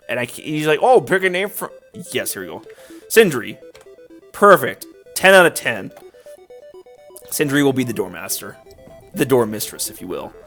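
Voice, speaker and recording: A man talks through a video game in a loose, rambling way and fills his sentences with "like". His voice is gravelly, and his pitch jumps around a lot. Faint game music plays behind him. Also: a bit bright. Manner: rambling, filler-heavy, frequent "like". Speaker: let's play YouTuber. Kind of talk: casual gameplay commentary.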